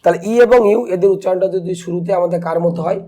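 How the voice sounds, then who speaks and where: A man with a fairly high but mellow voice teaches a grammar lesson. He keeps asking questions and answering them himself, and he stretches out example words slowly. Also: steady tone. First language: Bengali. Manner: slow deliberate spelling and pronouncing of words. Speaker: English teacher.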